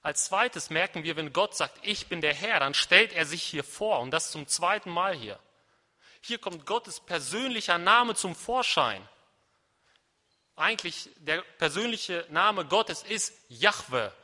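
A man preaching a sermon, shifting from quiet despairing prayer to loud emphatic proclamation. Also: high voice, expressive, unhurried. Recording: long hall reverb.

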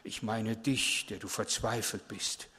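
A preacher voicing God, soft and hushed. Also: male voice, on the low side, fairly even intonation, measured pace, big-room sound. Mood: tender, solemn. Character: gentle, quiet God addressing the listener.

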